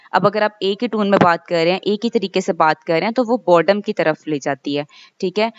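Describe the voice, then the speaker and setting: A woman giving a recorded lecture. She reads English passages slowly, then explains them loosely, often checking with "okay?". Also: lowish voice, no echo. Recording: dull lo-fi dry recording.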